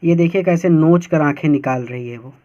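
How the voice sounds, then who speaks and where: A man teaching as a teacher, reading English phrases slowly one by one and then explaining each quickly in Hindi. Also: fairly high pitch, mellow. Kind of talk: line-by-line textbook translation lesson. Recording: dull lo-fi recording.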